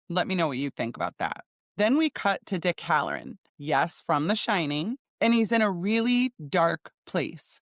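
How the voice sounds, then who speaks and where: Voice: medium pitch, fairly bright tone, no echo, clean studio sound. A podcast host giving a casual, chatty recap of a TV episode, thinking aloud with small laughs and restarts.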